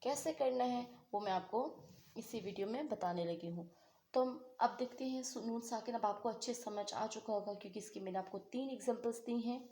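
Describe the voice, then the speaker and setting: A woman's voice: a little high, brisk, warm tone, reverberant. A woman teaching Quran recitation rules in an online lesson. She talks patiently, asks a question and then answers it herself.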